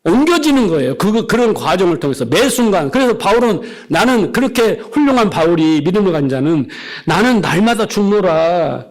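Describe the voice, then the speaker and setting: A man's voice: sits high, very animated, brisk, a little mellow. A middle-aged male pastor preaching a sermon, emphatic, often asking the congregation questions and acting out little dialogues.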